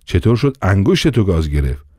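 A man's voice: deep voice, big pitch swings, mellow, no echo, clean studio sound. A man doing a pompous blustering police inspector. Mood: commanding. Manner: blustering, commanding, quick to turn. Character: pompous bullying male police inspector, middle-aged. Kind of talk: audiobook character voice.

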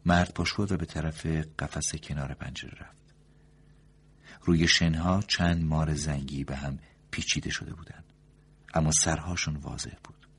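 A man narrating a short story in a slow, measured reading that sometimes drops to a breathy hush. He is also the host of the program. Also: very deep voice, steady tone.

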